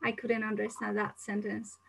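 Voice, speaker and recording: A woman's voice: medium pitch, monotone, normal speed, vocal fry, fairly bright tone, low-quality recording. A woman from Singapore, an English teacher giving a live-streamed exam-prep lesson, reading viewer questions aloud and answering them chattily with lots of fillers. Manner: frequent fillers and restarts, non-native phrasing.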